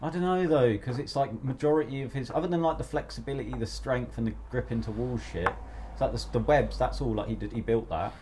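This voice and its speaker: A man hosting a podcast in casual, sweary chat, telling stories in an animated, blokey way. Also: mid-range voice, fast talker, slight background noise. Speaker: podcast host.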